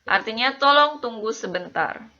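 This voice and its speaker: A bright, clear-toned woman explains grammar in a patient teaching voice. She slows right down on each example sentence and keeps checking that her listeners follow. The recording is slightly muffled and lo-fi. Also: a little high, lively intonation. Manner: slow, deliberate example sentences. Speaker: English teacher. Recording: muffled lo-fi voice-over.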